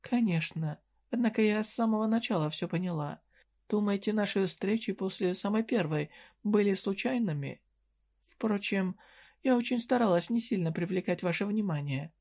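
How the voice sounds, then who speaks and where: A woman's voice: mid-range voice, normal speed, darkish tone, pitched above the performer's own voice, natural voice. Casting: narrator doing a shrewd fantasy merchant woman, raised voice, teasing and flirty, businesslike. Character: sly cheerful female dungeon merchant, shrewd. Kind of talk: audiobook character reading.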